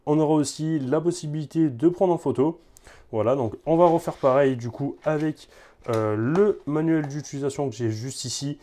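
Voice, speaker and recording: A man's voice: a little high, normal speed, dark tone. A man casually presenting and testing a gadget for viewers, talking loosely with many filler words and repeated words. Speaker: tech reviewer. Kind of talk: casual product demo.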